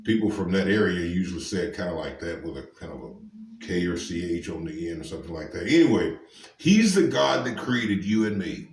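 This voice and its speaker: A man's voice: low-pitched, animated, a little fast, roomy sound, far from the mic. A man preaching informally to camera, emphatic and firing rhetorical questions at the listener. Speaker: street preacher.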